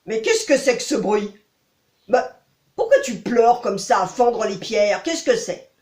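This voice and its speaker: A woman voicing a slimy, pushy male toad in a storybook tale, loud and shrill. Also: lively intonation, a little slow, reverberant. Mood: indignant.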